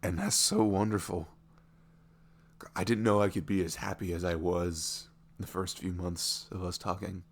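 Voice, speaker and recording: An ASMR audio performer voices a smitten, vulnerable young neurodivergent boyfriend meeting his online love in an intimate roleplay monologue. His low, creaky voice keeps a level tone and often drops toward a whisper, tender and reflective. He muses haltingly, with frequent "you know"s and soft chuckles.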